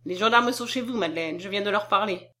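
A woman reader gives voice to a tired, downcast peddler. He speaks gently and quietly, resigned to his fate. The delivery is subdued and sorrowful throughout. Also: mid-range voice, fast talker, slight background noise, natural voice. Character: weary, wrongly accused peddler man. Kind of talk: audiobook character reading.

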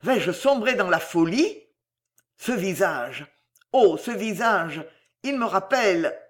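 A reader voicing a huge, rough male executioner who declaims with big emotional swings. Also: medium pitch, lively intonation, slow. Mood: bewildered.

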